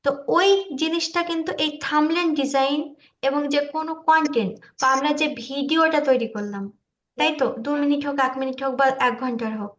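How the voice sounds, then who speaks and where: Speaking fairly quickly in a somewhat bright voice, a woman student presenter shows how to upload a video in an informal online tutorial, sounding nervous, hesitant and self-deprecating. It's captured over an online video call, with muffled, low-fidelity meeting audio.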